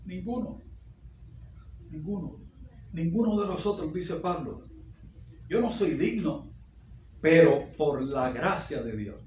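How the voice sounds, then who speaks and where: Male pastor, fairly high voice, slow deliberate sermon delivery, reverberant sanctuary. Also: slight background noise. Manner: preaching with repetitions and sudden loud peaks. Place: church sanctuary. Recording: echoey dull church recording.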